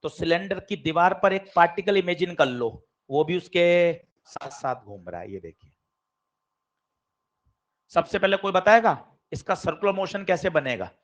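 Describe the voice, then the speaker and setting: High-voiced male physics teacher lecturing. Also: moderate pace. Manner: lively, addresses students directly with questions. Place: classroom. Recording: dull lo-fi classroom recording.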